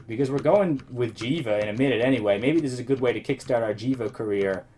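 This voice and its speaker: Talking fast in a darkish mid-range voice, a man comments casually on his own let's play, rambling and thinking aloud. His voice sounds a little worn, as if he is slightly losing it.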